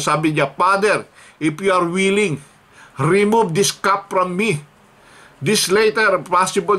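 A man's voice: high voice, sharp tone. A man preaching a sermon, mixing Tagalog and English, reading scripture aloud and repeating key phrases for emphasis. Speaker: pastor.

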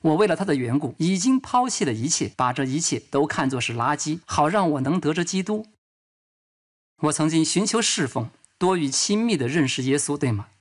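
A man's voice: a little high, animated, brisk. A man voicing a dubbed sermon as a preacher, telling his own testimony earnestly and reading scripture aloud.

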